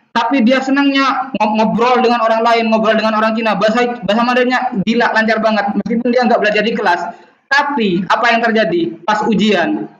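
High-voiced man in an echoey, dull recording. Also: fairly bright tone. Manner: anecdotal, explains with examples. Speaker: panel speaker. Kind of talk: casual academic discussion.

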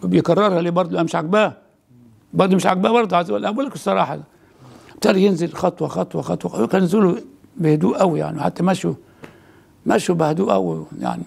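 An older man, a priest with an Egyptian Arabic accent, telling a story in casual conversation. He talks in quick bursts with frequent restarts and repeated words. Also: high voice, gravelly, darkish tone, breathy edge. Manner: rapid, halting retelling with many restarts and repeated words.

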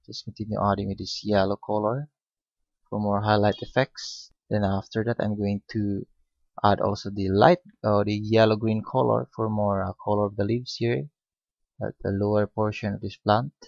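A man giving a step-by-step painting lesson, speaking unhurriedly with many pauses and fillers. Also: on the low side, level tone, vocal fry, a little mellow, no echo. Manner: unhurried, hesitant with frequent fillers. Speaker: painting instructor. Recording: dull lo-fi recording.

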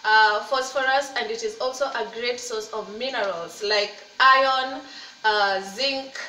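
A bright, fairly high-voiced woman in her thirties talks her viewers through a recipe in a cheerful, encouraging way. She is recorded from a little distance in an echoey home kitchen, with faint room noise behind her. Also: fairly even intonation, unhurried. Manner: chatty, upbeat and encouraging, with faith talk. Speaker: cooking vlogger, mother. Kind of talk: casual cook-along chat. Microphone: laptop or phone camera at desk distance. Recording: roomy, slightly distant camera mic with faint ambience.

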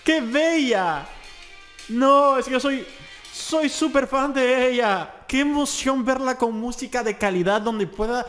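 A young man from Latin America reacts to a song with a strikingly high-pitched voice, piling up excited exclamations. He keeps breaking down the singer's vocal technique as he goes. Faint music plays under his voice. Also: unhurried. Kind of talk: reaction commentary over a song. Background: song playing faintly.

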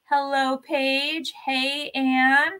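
Bubbly woman hosting a slow craft livestream. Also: sits high, little pitch movement, pushed and bright, rough recording. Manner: bubbly, greets viewers by name, many ums. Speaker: craft shop livestream host. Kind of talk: casual live-stream chat.

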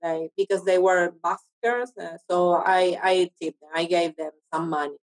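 Speaking at a normal speed with a fairly low, steady voice, this actress and TV producer from Argentina chats informally as an interview guest. She's a native Spanish speaker with an Argentine accent who frequently gropes for the right word, captured on a low-quality recording.

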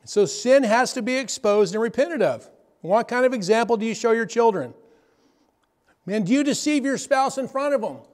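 A man's voice: very high-pitched, lively intonation, moderate pace. A man preaching a sermon to his church, often asking the crowd "amen?" and "right?". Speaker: pastor. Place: church hall. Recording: long hall reverb.

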